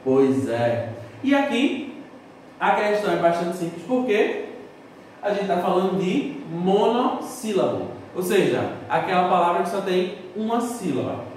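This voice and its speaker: A male teacher with a fairly high voice that rises and falls a lot as he explains a grammar point. He asks rhetorical questions and answers them himself. He sounds a little distant from the mic, in a very echoey room with faint background noise. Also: big pitch swings, unhurried. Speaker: school Portuguese teacher. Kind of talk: recorded classroom lesson.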